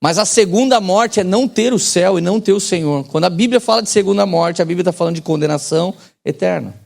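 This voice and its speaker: A man's voice: high-pitched, fast, gravelly, darkish tone. A man in his forties preaching a sermon as pastor, in a casual joking manner with slang and call-and-response to the congregation.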